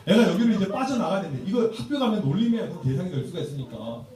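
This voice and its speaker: Recorded from a distance in an echoey church sanctuary, this man is a pastor delivering a funny seminar to church teachers. He speaks rapid-fire in a high, animated, slightly mellow voice, spinning playful stories and acting out quotations.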